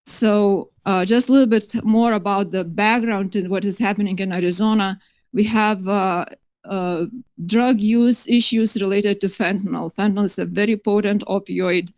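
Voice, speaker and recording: A middle-aged Lithuanian woman gives an earnest academic talk in a conference hall, with many fillers and restarts. Her voice is medium-pitched and darkish, steady and at a normal speed. The recording is dry.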